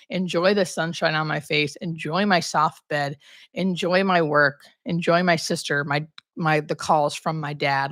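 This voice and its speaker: A woman's voice: low-pitched, fairly bright tone, no room sound, studio quality. A woman talking candidly and conversationally as a hospice nurse hosting a casual livestream, thinking aloud as she answers questions.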